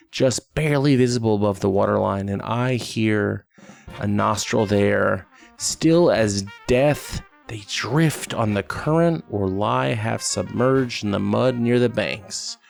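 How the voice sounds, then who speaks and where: A man reading scripted narration as game master, in a measured, dramatic storytelling manner with sudden leaps in pitch. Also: vocal fry.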